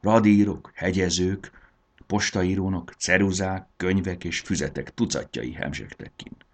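Deep gravelly storybook narrator. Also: male voice. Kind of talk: storybook reading.

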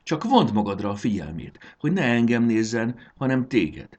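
A man voicing a clever, bold young boy in a storybook, brisk and confident. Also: medium pitch, very animated, a little mellow, lo-fi sound, voice pushed up.

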